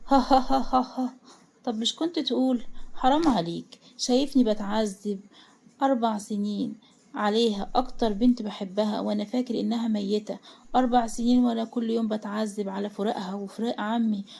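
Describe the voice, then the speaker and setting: A woman's voice: mid-range voice, steady tone, a little fast, vocal fry, mellow. Woman reading as a betrayed, furious young man. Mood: anguished. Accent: Egyptian Arabic. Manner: sobbing bitter laughter, then harsh threats.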